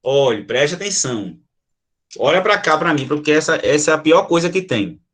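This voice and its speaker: A man's voice: on the high side, expressive, moderate pace, a bit bright. A man teaching a grammar lesson to a class, checking in with the students and restating his examples. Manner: checks in with listeners, often adding "tá?".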